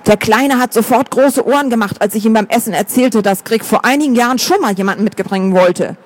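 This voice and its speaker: A man's voice: high-pitched, a little fast. A man voicing a catty, crude woman who gossips in an audiobook. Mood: gossipy. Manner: crude, mocking.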